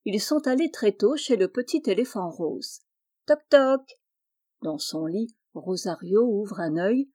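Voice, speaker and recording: A woman reading a children's storybook aloud, in a clear, expressive storytelling manner. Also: mid-range voice.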